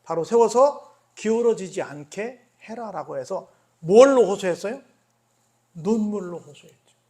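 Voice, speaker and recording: Male pastor with a high voice, preaching; questions the congregation, swings from loud emphasis to quiet drawn-out words. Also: animated. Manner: asks the congregation questions and answers them himself. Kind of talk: sermon.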